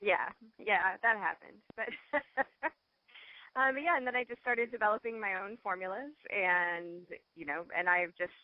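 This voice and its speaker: A woman's voice: mid-range voice, a little slow, dry recording. A woman guest speaking over the phone on a radio interview, chatty, laughing often and restarting her sentences. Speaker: guest cosmetics maker and scientist. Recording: dull dry phone line.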